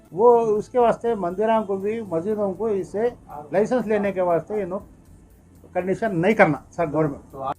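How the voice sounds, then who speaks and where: Speaking for his community, a man gives an unscripted interview statement in a high-sitting, darkish voice. He is emphatic and repetitive, and his phrasing halts.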